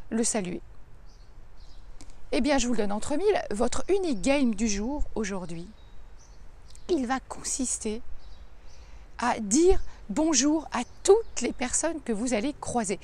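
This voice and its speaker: An emphatic woman coach delivering a short daily motivational talk. Her voice sits a little high, and she adds playful asides as she urges her viewers on. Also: warm tone. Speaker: coach and speaker.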